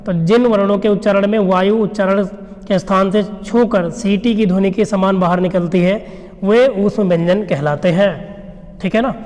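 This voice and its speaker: High-voiced man teaching in a reverberant room. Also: fairly even intonation, normal speed, darkish tone. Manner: explains by asking and answering his own questions. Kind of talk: exam revision lecture.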